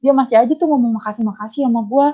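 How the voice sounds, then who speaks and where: A young woman chats casually on a podcast, telling a story and acting out phone calls with lots of slang and lively voicing. The audio sounds dull and lo-fi, typical of a home podcast recording. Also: fairly high pitch, racing. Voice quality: animated, acts out both sides of phone calls, slangy. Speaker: podcast guest, debt collector.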